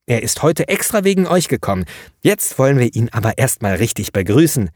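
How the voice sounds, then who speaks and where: A man's voice: medium pitch, very animated, brisk, darkish tone, dry recording, clean studio sound. A man voicing a cheerful female kindergarten teacher who coaxes the children in a sing-song, raised voice. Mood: coaxing.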